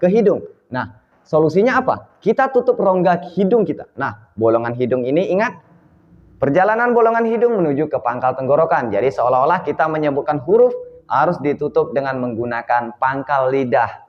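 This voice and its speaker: A man's voice: fairly high pitch, expressive, brisk, in a large hall, dull audio. A man giving a vocal lesson, often asking "ya kan?" and breaking into short sung demos. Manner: checks in often with "ya kan?" and sings short demo notes. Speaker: vocal coach.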